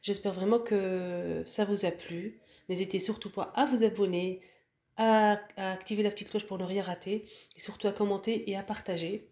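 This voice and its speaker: A woman's voice: medium pitch, steady tone, moderate pace, darkish tone, echoey room. A woman giving a casual home decor tour and showing her purchases, talking hesitantly with many fillers and restarts. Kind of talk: casual voice-over room tour.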